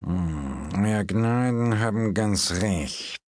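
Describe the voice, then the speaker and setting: A man voicing a slow, ingratiating male palm reader in an audiobook. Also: lowish voice, lively intonation, darkish tone, no echo, studio quality, exaggerated voice. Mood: deliberate. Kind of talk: audiobook character voice.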